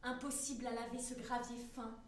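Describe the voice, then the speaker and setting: A woman's voice: on the high side, little pitch movement, a little fast, a little hiss or hum, lightly acted. An actress playing an insistent woman who presses her point, on stage. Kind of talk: stage acting. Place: theater stage. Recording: distant stage recording in an echoey theater.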